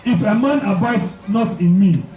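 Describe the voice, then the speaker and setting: A man's voice: high voice, moderate pace, warm tone, reverberant, far from the mic, muffled recording, a faint crowd. A man preaching a sermon, praying blessings and reading scripture aloud with repeated phrases for emphasis.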